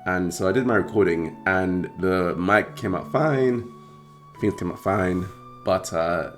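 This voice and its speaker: Man, croaky voice, very deep, rambling vlog talk, faint guitar behind. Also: measured pace, a bit bright. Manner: rambling, many fillers and restarts. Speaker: trading card game channel host. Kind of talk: casual talk to camera.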